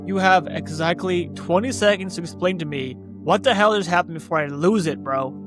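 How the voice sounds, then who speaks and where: A man's voice: sits high, fairly quick, music in the background, natural voice. A man voicing the narrator's young male buddy, a rattled guy who swears and calls people dude and bro. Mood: annoyed.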